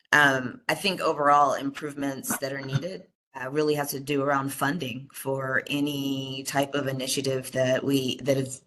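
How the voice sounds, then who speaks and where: A woman's voice: very deep voice, fairly bright tone. A woman chairing a commission meeting over a video call, speaking with many fillers and restarts. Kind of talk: virtual meeting discussion.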